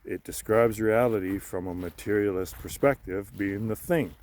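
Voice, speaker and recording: Boastful and self-assured, a vlogger rambles about his personal philosophy while walking in woodland by a pond. He halts, repeats himself, trails off and swears casually as he muses, in a low-sided, darkish voice.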